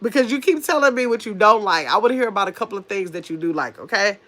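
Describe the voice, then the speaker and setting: A middle-aged woman with a mid-range, fairly bright voice talks fast and expressively to her livestream chat, though a coming cold leaves her very nasal and stuffy. Sitting close to a phone or webcam mic, she reads comments, snaps back at them with sass, and rambles at length.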